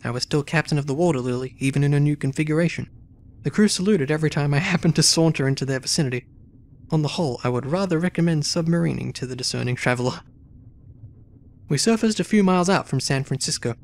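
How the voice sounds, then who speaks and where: A man hosting a let's play, reading the game's story text aloud and adding wry, relaxed asides. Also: on the high side, fast.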